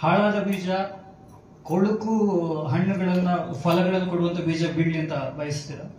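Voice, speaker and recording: A man's voice: high voice, fairly even intonation, moderate pace, a little mellow, heavy reverb, far from the mic, a little hiss or hum, rough recording. A male pastor preaching a sermon, asking his congregation questions and answering them himself. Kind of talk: bilingual sermon.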